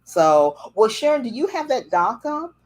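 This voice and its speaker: On her livestream setup, this female host chats casually and tells rambling, chatty stories. She speaks at a moderate pace in a fairly high, sing-song voice.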